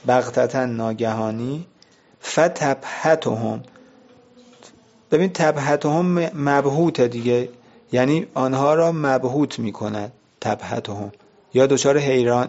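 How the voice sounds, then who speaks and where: A man's voice: mid-range voice, darkish tone, muffled recording. A man teaching a vocabulary lesson, explaining words one by one and asking and answering his own questions.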